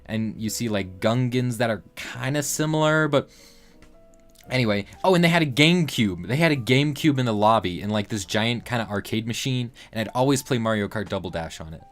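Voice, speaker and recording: A late-teen male livestream host rambles loosely, full of fillers and restarts. His medium-pitched, slightly bright voice moves a little fast with lively intonation, over soft background music.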